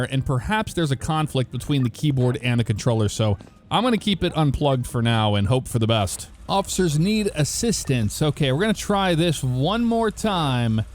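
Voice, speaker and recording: A man giving casual, joking let's-play commentary, talking back to the characters in the game. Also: a little high. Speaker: gaming YouTuber.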